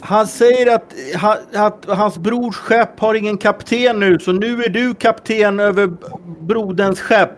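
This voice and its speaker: Man putting on a shouting excited interpreter. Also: high voice, pitched above the performer's own voice, lightly acted.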